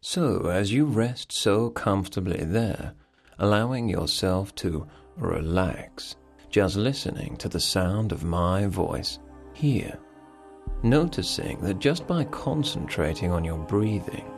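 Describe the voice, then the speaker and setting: A man leads a hypnosis session in a calm, unhurried voice that sits a little low. He repeats gentle suggestions to relax and go deeper, drawing each phrase out. Soft music plays faintly underneath. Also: gravelly. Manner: slow, soothing, repetitive suggestions.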